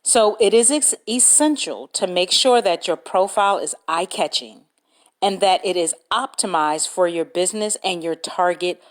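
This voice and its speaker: A woman hosting a solo podcast, reading out business tips and spelling out words as she goes. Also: fairly low pitch. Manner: slow, deliberate, reads points aloud and spells words out. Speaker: podcast host.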